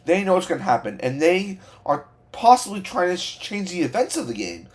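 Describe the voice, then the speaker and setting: Hyped guy doing fan reaction video, overexcited babbling, keeps repeating himself, highish voice jumping all over. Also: very animated, brisk. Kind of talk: excited fan reaction and commentary.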